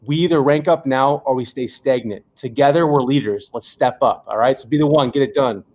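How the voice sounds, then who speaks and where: A man giving a fired-up, rallying motivational pitch to an online audience. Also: a little fast, a little mellow. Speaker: motivational presenter.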